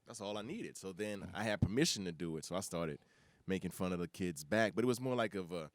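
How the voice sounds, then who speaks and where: A middle-aged man from the Bahamas, a comedian guest telling stories in an animated, chuckly way with lots of loose fillers. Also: low voice, a little fast, dry recording. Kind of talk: casual interview chat.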